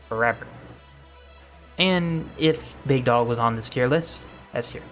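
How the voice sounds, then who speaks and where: A tired man giving casual, blunt tier list commentary for a gaming video in a monotone voice, with many filler pauses. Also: mid-range voice, soft background music.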